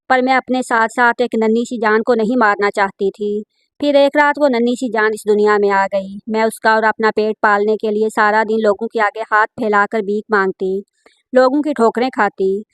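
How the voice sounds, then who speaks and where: A woman narrates a scripted first-person story in an earnest, emotional way. Her voice sits fairly high. The sound is dry and close, with no room around it. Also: no room sound.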